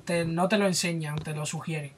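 A podcast host with a Spanish accent, retelling a comic story in an animated way, with lots of swearing. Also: medium pitch, brisk, noisy background. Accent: Spain. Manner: animated, profane, retelling stories with voices. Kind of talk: casual storytelling chat.

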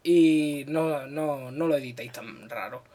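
A man's voice: on the high side, a little slow, dark tone. A man with a Spanish accent from Spain, co-hosting a podcast in casual banter, joking and explaining things with a habitual "¿vale?". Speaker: podcast co-host. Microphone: one microphone shared with co-host.

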